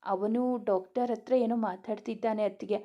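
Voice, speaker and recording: An eager young brother-in-law, read by a woman storyteller, talking brightly and quickly. Soft, mellow tone. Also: medium pitch, steady tone, natural voice.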